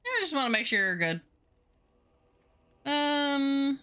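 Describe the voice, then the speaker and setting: A woman's voice: high voice, sing-song, takes it slowly, pushed and bright. A woman streaming a game, informal and sweary, muttering to herself and reading dialogue choices aloud. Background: game music.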